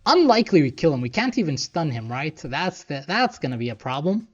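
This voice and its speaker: Male streamer, casual play-by-play, very animated pitch, thinks aloud over game music, slightly dull audio. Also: fairly quick. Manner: thinking aloud, muttering asides. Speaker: gaming streamer. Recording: dull lo-fi sound, music behind.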